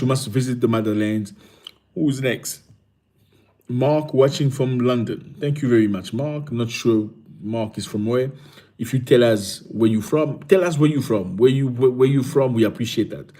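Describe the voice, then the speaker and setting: Mellow-voiced man greeting livestream viewers. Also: medium pitch. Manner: reads viewer comments aloud, warm greetings and thanks. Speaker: livestream host.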